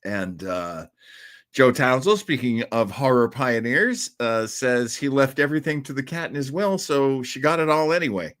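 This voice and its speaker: A man hosts a livestream, offering casual, conversational commentary on old radio. His medium-pitched voice is animated and a bit bright at a moderate pace. He rambles and sounds a little hesitant.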